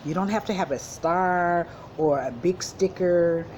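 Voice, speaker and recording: With a voice on the low side and a darkish tone, a woman school counselor encourages young children in plain, deliberately emphasized words during a read-aloud lesson. Some slight background noise can be heard.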